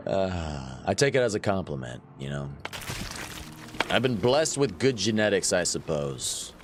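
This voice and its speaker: In a low voice, a man in his thirties chats casually while streaming a game live, laughing often and answering viewers' questions. There's slight background noise in the recording.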